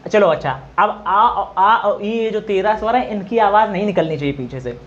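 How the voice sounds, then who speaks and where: A man's voice: sits high, normal speed, a bit bright, highs cut off. A man teaching a Hindi grammar lesson for exam preparation, asking questions and often checking in with the students. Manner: repeats filler confirmations and asks students questions.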